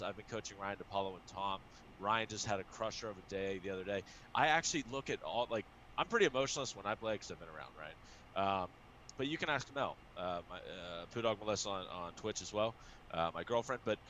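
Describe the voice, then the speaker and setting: Excitable swearing man with a bright voice. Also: on the low side, brisk, slight background noise, rough recording. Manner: excitable, swears often, many restarts. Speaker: poker streamer and coach. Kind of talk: casual show chat.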